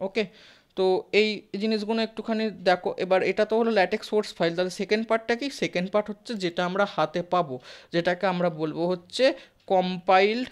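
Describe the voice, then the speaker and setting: A teacher gives a live class lecture in a smooth, clear voice at an ordinary middle pitch. The delivery is conversational: frequent check-ins with the listeners, questions put to the class, and English technical words mixed into the speech. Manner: sprinkles English terms into the talk.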